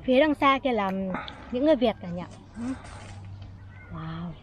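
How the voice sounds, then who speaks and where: Woman vlogger, outdoor orchard, slow unhurried delivery, bright and excited, higher voice. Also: highs cut off, a little hiss or hum. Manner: excited exclamations while picking fruit. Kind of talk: casual vlog chat.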